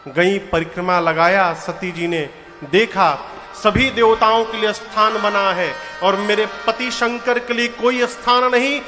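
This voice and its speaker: Slow devotional storyteller guy, folksy, big echoey hall with faint music. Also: high-pitched, fairly even intonation. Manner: folksy storytelling with humorous asides; chants verses in a singing voice. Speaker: religious storyteller.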